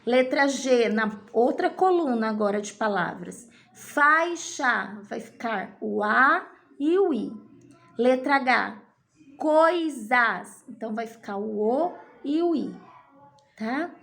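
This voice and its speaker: A woman's voice: on the high side, lively intonation, slow pace, vocal fry, fairly bright tone. A woman teacher guiding young children through a worksheet, patiently drawing out key words and checking in often. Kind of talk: primary school lesson walkthrough.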